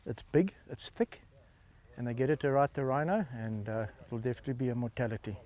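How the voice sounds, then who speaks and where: Warm-toned man. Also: medium pitch, lively intonation, fast talker. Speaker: anti-poaching trainer. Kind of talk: plain-spoken interview.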